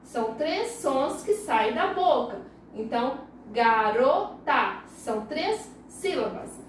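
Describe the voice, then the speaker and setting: Her voice is high and very animated, and she speaks slowly, breaking words patiently into syllables for young children. She's a primary school teacher with a Brazilian Portuguese accent recording a lesson. The mic is far away in a very echoey room, with slight background noise.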